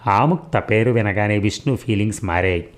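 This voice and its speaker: Male audiobook narrator, low voice, measured and reflective. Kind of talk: audiobook story reading.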